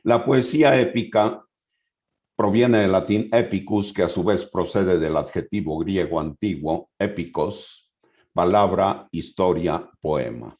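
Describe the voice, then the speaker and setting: A man giving a conference lecture, reading passages from his notes and then explaining them loosely, with hesitant pauses. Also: low voice, darkish tone.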